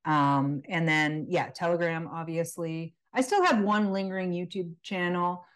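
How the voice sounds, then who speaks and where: Lowish and measured, this woman's voice belongs to a natural health practitioner appearing as a guest in a casual conversational podcast interview. Her remarks are wry and sarcastic, broken up by laughter.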